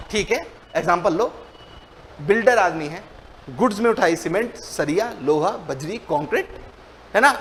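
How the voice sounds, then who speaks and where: Fast, high-voiced commerce teacher. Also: male voice, slight background noise. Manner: animated, asks and answers his own questions. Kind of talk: lecture.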